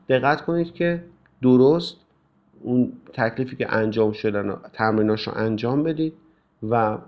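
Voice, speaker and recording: A male English teacher calmly explaining course tasks to students, with frequent fillers. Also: medium pitch. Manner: calm, explanatory, with many fillers. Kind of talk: recorded class instructions. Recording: dull lo-fi recording.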